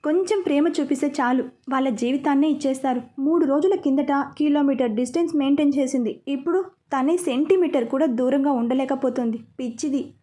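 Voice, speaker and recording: A woman storyteller narrating a romance in the first person. Her voice is high and mellow, and she talks chattily, often turning to the listener. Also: brisk.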